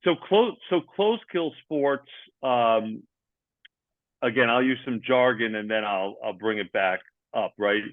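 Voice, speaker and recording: A man's voice: medium pitch, measured pace, no echo. Male coach on a video call, plain explainer, thin phone-like sound. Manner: explains jargon in plain terms, uses sports examples. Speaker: ADHD athlete coach. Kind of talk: explaining in conversation. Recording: tinny phone-like line, dry.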